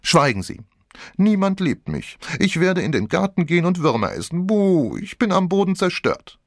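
A man's voice: high voice, sing-song, moderate pace, no room sound, studio quality, voice pushed up. A man voicing a flippant, teasing girl of about seventeen in an audiobook, with theatrical, mock-dramatic speech.

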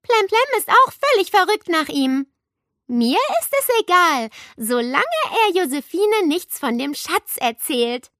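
Woman voicing a high, eager know-it-all schoolgirl. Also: unhurried, no echo, studio quality, full character voice. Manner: excited, slightly smug.

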